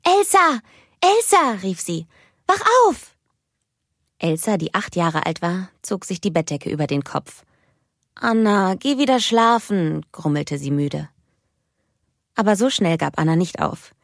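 A woman reading a children's storybook aloud in a calm, even storytelling manner. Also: low-pitched, dry recording, studio quality. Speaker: narrator.

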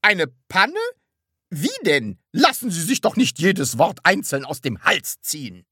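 A woman's voice: medium pitch, huge pitch swings, normal speed, a bit bright, no echo, clean studio sound, voice pushed up. A woman voicing a nosy, impatient middle-aged landlady who pries and reproaches. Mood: prying. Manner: curious, prying, reproachful.

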